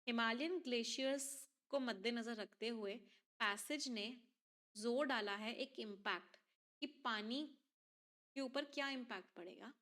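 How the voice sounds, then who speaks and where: A woman's voice: on the high side, measured pace, fairly bright tone. A woman teacher explains an exam passage step by step and keeps asking her class questions. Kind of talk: exam reading-comprehension lesson.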